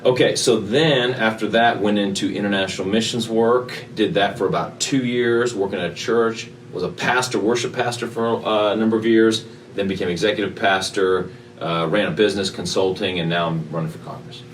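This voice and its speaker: A man born in Japan and raised in Texas, a political candidate talking casually in an interview, relaxed and rambling with many fillers. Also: on the low side, fairly quick. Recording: faint ambient noise, slightly distant mic.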